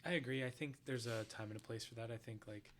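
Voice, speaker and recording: A man's voice: mid-range voice, fairly even intonation, quick pace, a little hiss or hum. A young man hosting a casual podcast, easygoing, asking short questions and laughing along. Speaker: podcast host.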